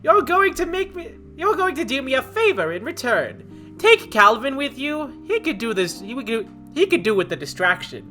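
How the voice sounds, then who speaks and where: A woman's voice: sits high, big pitch swings, moderate pace, bright, forceful tone, heavily acted. Woman putting on a brusque, stern old aunt cat. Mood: bossy. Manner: brusque, scolding. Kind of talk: amateur cartoon dub. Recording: guitar music behind.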